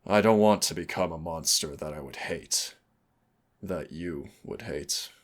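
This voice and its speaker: In a very deep male voice, a brooding immortal demon, mentor and partner to a demon hunter, speaks slowly, suave and darkly affectionate. Sorrowful and earnest, he offers teasing endearments in a measured, solemn, dramatic delivery fit for intimate audio roleplay.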